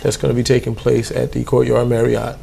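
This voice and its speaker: Man, gravelly, relaxed guest, easygoing interview talk. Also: medium pitch, fairly quick, a little hiss or hum. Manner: relaxed, informal, many fillers. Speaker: youth program staff guest. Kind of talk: casual interview.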